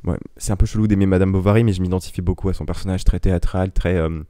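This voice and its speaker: Speaking quickly in a low, mellow voice with fairly even intonation, a young adult podcast host chats on his own in a loose, digressive, self-deprecating style. The old microphone he uses is ten years old, but the audio is clean studio sound without any room sound.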